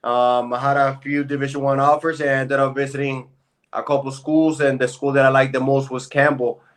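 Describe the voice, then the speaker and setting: A man from Puerto Rico in his thirties talks through his career as an interview guest. His voice stays flat and level, and he speaks in an easygoing, unhurried way. His pitch sits in a middle register. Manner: laid-back, relaxed storytelling with fillers. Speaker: guest, pro basketball player. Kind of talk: casual interview chat.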